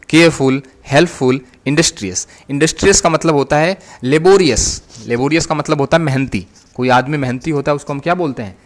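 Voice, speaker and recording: Hindi-speaking man teaching grammar. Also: fairly high pitch. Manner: repeats each point and answers his own questions. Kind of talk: recorded online lecture.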